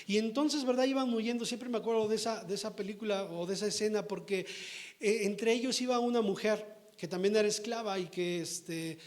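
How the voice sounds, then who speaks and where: A male pastor preaches with fervor in a church, his voice set notably high. He tells stories and keeps checking in with his listeners, pressing them for agreement as he builds each point. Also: brisk. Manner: fervent, often checks in with the congregation. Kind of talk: sermon.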